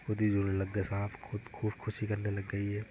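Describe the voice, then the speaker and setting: A man's voice: on the low side, completely flat delivery, normal speed, background noise. A man, a father, casually narrating a home vlog about his young sons in a chatty storytelling way. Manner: chatty storytelling, retelling the kids' antics.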